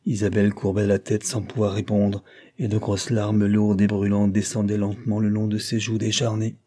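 A man narrating a classic novel as an audiobook in an even, measured way. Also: lowish voice. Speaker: audiobook reader. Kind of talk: scripted narration.

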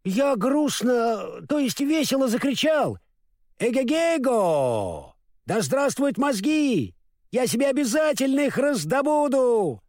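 A man's voice: sits high, big pitch swings, a little slow, no room sound, studio quality, full character voice. A man doing a stammering, muddled straw scarecrow. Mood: storytelling. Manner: stammers, mixes up words then corrects himself. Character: clumsy naive straw scarecrow, male, cheerful. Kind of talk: storybook reading.

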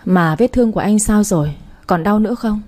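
A woman's voice: mid-range voice, fairly quick, darkish tone, natural voice. A woman reading the lines of a tearful, loving young heroine in a romance story, asking emotional, pleading questions. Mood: worried.

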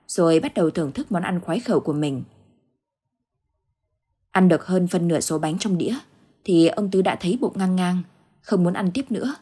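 A woman narrating a ghost story in a steady, measured way. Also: lowish voice, breathy edge.

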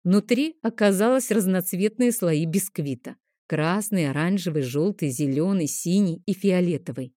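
Woman narrator, low warm voice, gentle expressive storytelling, first-person audiobook. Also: normal speed, hardly any pauses, no room sound, clean studio sound.

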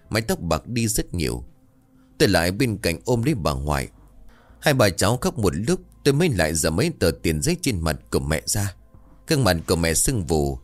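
A man reading a scripted ghost story in a solemn, measured, emotive way. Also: low voice, no room sound.

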